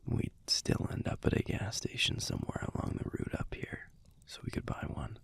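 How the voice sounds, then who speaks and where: With an American accent and a whisper, lightly acted and free of echo, a man plays a gruff but tender young werewolf boyfriend speaking softly to the listener in an intimate audio roleplay. He reminisces wryly and fondly in a husky, breathy, gravelly low murmur that's laid-back and halting, with casual swearing.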